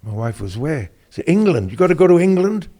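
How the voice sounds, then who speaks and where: A man's voice: fairly high pitch, sing-song, quick pace, dark tone. An older Welsh man from Wales, a military veteran guest telling anecdotes in an interview and acting out the voices he quotes. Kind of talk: casual interview storytelling.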